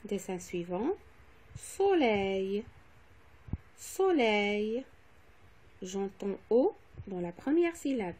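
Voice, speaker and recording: A woman teacher slowly correcting phonics exercises, saying each word twice and spelling out letters. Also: medium pitch, very animated, mellow, breathy edge. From Morocco. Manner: repeats each word twice, stressing sounds. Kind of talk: slow, clearly articulated classroom dictation.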